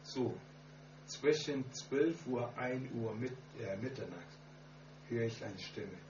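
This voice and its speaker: A man preaching a sermon and telling his own story in halting German full of grammar slips. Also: medium pitch. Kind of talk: sermon with personal testimony. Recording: echoey, muffled distant hall recording with hum.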